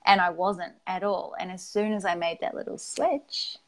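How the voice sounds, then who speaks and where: A woman's voice: lowish voice, expressive, moderate pace, a bit bright. A woman guest in a casual chat, talking candidly, acting out quoted lines and swearing now and then.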